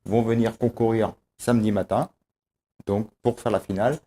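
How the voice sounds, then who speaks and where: A man organizing a student competition, explaining it in an interview with many pauses and fillers. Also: fairly low pitch, fairly even intonation, mellow. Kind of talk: interview answers.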